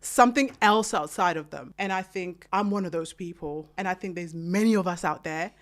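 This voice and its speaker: Kenyan-born woman in her thirties, interview guest and author; animated storyteller who acts out quotes. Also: on the low side, moderate pace.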